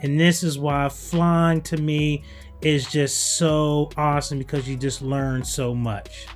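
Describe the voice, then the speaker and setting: A man's voice: fairly high pitch, level tone, slow, over music. A man narrating footage as a student pilot in a casual vlog style, candid, conversational and enthusiastic.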